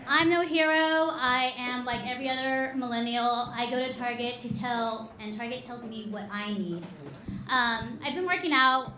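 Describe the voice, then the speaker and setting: A woman in her thirties works through a stand-up set with a dry, self-deprecating delivery. Her voice sits high for a woman. It rings out through an echoey live room. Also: moderate pace, bright, forceful tone, a little hiss or hum. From Texas. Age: 30s. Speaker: stand-up comedian.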